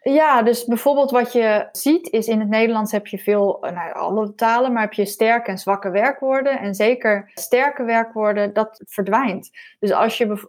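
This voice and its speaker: A woman language researcher explaining her findings in an interview, thoughtful and a little hesitant. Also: mid-range voice.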